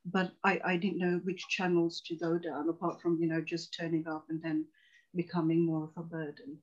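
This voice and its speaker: A woman's voice: lowish voice, little pitch movement, moderate pace, a little mellow, muffled recording. A woman in her forties, originally from Tanzania, working as a psychotherapist and telling her life story earnestly and reflectively as a guest on a video call. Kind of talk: personal storytelling in a conversation.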